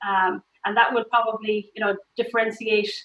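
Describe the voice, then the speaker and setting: A woman's voice: medium pitch, little pitch movement, moderate pace, roomy sound, highs cut off. A woman giving explanatory, conversational interview answers over a video call. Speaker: tech industry interviewee.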